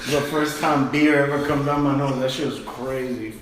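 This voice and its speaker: A man chatting among friends, excited and interrupting, slangy and switching into Spanish at times. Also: medium pitch, moderate pace, slight background noise. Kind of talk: casual chat among friends. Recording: echoey room.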